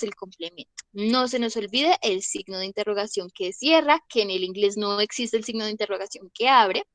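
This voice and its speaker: A woman's voice: a little high, a bit bright, no echo. A woman teaching an English grammar class in Spanish, explaining patiently and checking in with her students after almost every point. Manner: patient, checks in often with short questions.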